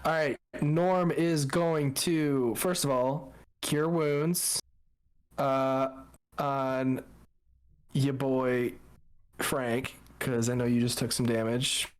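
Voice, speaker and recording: A man takes his turns as a player in a tabletop game. He speaks slowly at an average pitch, with cocky, slangy banter and an informal turn of phrase. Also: fairly even intonation, clear, resonant tone.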